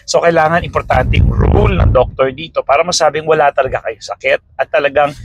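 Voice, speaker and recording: A man's voice: a little high, a little fast, background noise. A man hosting a casual health explainer talk, conversational, checking in with his listeners often. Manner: conversational, peppers with "okay?" and "no?".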